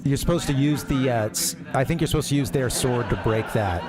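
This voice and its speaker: A man's voice: mid-range voice, brisk. A man hosting a live stream, casually commenting on an old demo video, often restarting his sentences and chuckling. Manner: rambling, self-interrupting, chuckling. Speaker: streamer host.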